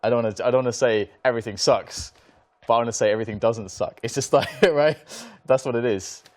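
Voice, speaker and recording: A man's voice: mid-range voice, fast, darkish tone. A man commentating an esports match from a studio, bantering between plays with a laughing, self-mocking manner. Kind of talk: casual play-by-play commentary.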